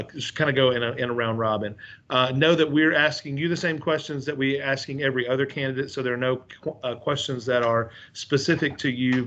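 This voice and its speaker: A man leading a formal board interview over a video call, his mid-pitched voice coming through dull and muffled. He speaks hesitantly, repeating words and filling pauses with uhs. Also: fairly bright tone, slight background noise. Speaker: school board chair.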